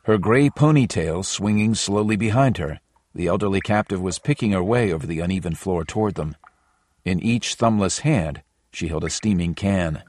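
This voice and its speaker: Deep-voiced man narrating a story. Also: moderate pace, a little mellow, dry recording. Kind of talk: scripted audiobook narration.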